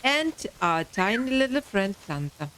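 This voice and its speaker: A woman's voice: medium pitch, very animated, a little slow, a bit bright, a little hiss or hum. A woman commenting casually while she plays a video game, with wry, sighing asides. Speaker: gaming channel host. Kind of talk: casual let's-play commentary.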